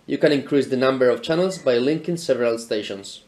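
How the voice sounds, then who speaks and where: This thirty-something man from Spain delivers a careful, explanatory script while presenting equipment. His mid-range, darkish voice goes a little fast. The setting is an indoor showroom, with a camera mic at medium distance recording the product presenter.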